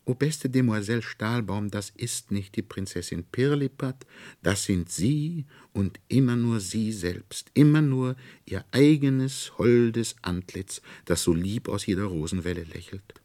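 A man's voice: lowish voice, big pitch swings, a little slow, darkish tone, voice pushed up, exaggerated voice. Man doing a little nutcracker prince, sweet and polite, kinda sighing, storybook voice. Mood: gentle. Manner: polite, tender, slightly plaintive. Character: small courtly nutcracker prince, gentle and sighing.

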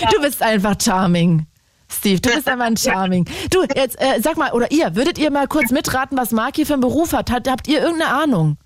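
A woman hosting a lively radio call-in guessing game, bubbly and quick to laugh as she sums up the clues. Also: a little high, dry recording, clean studio sound. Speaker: radio call-in show host.

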